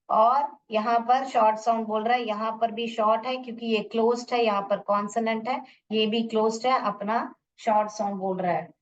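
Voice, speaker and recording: A woman teacher explaining syllable division step by step, sounding words out slowly and mixing in English teaching phrases. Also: fairly high pitch. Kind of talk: phonics lesson to parents or teachers. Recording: muffled, distant from the mic.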